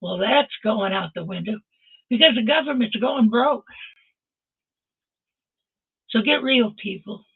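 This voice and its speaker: An older woman with a gravelly, husky voice hosts a motivational stream, exhorting her listeners with fervent conviction. She speaks at a middling pitch. Her voice comes through a narrow, phone-like video call line. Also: measured pace, pauses often. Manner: impassioned, exhorting listeners directly. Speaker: host. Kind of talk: motivational talk.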